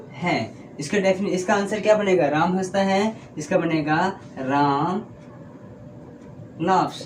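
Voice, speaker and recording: A man teaching grammar in a classroom, explaining slowly and answering his own questions. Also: high voice, a little mellow, slight background noise. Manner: explains slowly, drags out example sentences word by word; asks questions and answers them himself. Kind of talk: classroom lesson. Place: classroom at a board.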